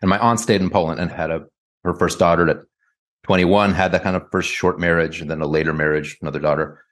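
A man's voice: low-pitched, steady tone, quick pace, fairly bright tone. A man from the United States, a guest author answering interview questions in a thoughtful, hedging way, full of "kind of" and "like".

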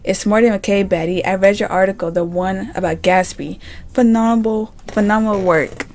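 A woman voicing an older female media boss in a story game, speaking in a brisk, commanding way, lower and quieter than her own voice. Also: steady tone, close to an everyday voice.

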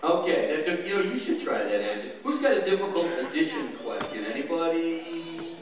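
A man in his fifties, a ventriloquist playing the halting, playful straight man in a live family comedy act. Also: a little high, expressive. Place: theatre stage, microphone on stand. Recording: echoey theatre, distant, crowd behind.

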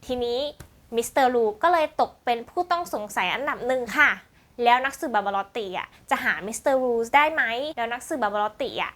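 Woman book vlogger, high bright voice, playful chatty plot summaries. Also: normal speed. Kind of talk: casual book review chat.

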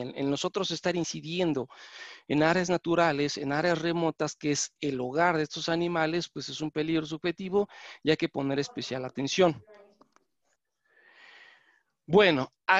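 A man lectures through a computer mic on a video call. His voice sits a little high, and he explains step by step with frequent fillers and self-corrections. The audio is dry and somewhat dull, like a lo-fi call. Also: no room sound. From Mexico. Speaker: lecturer on venomous animals. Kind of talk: online conference talk.

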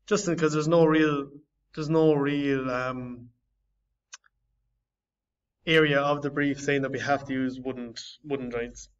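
A young man presents his design project, often pausing and restarting as he searches for words. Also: mid-range voice, steady tone. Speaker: design student. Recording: slightly distant, dull lo-fi audio.

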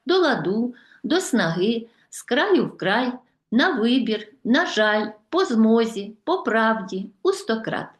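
Lively-voiced woman teaching a lesson. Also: a little high, echoey room. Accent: Ukrainian. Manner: warm, addresses pupils as children, slow deliberate listing. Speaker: Ukrainian language teacher. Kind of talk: video lesson for schoolchildren.

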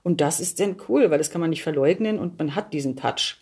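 A middle-aged performer from Berlin, Germany, chats casually as a podcast guest, telling stories in looping, unfinished sentences. Her deep voice is animated, husky and a little mellow, and she speaks fairly quickly.

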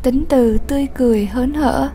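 A woman teacher giving a lesson, explaining slowly, patiently and clearly. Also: high voice, mellow, slight background noise. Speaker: English teacher. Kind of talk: classroom lesson narration.

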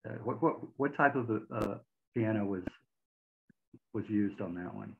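A man's voice: lowish voice, normal speed, gravelly, a little hiss or hum. A man hosting a video-call interview from a home room, asking friendly, hesitant questions with repeated words. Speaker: interviewer host. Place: home room with record shelves. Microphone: video call webcam mic. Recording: tinny phone-like video call audio.

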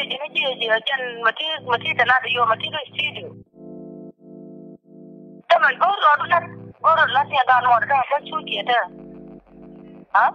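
A man leaving a voicemail after the tone, rambling in quick bursts, heard as a muffled distant phone message. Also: extremely high pitch. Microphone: phone line.

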